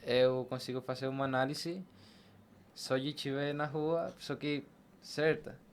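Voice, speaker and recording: A Venezuelan barber, a Spanish speaker, guests on a podcast interview, chatting casually and explaining things through examples. His medium-pitched voice is unhurried with fairly even intonation, and there is noticeable background noise and ambience.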